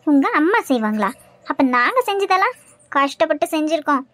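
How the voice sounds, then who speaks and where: A bossy cartoon daughter-in-law, voiced by a woman, firm and scolding in a Kanyakumari Tamil accent. Her voice is high, and the sound is dry and close. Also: big pitch swings, a little fast, a bit bright, no room sound.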